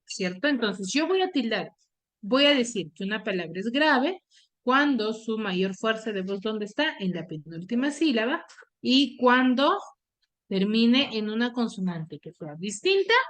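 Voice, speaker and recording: A woman teacher with a high voice leads an online class over a computer mic. She steadily quizzes her students, repeating her questions and checking in with them. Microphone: computer mic on a video call.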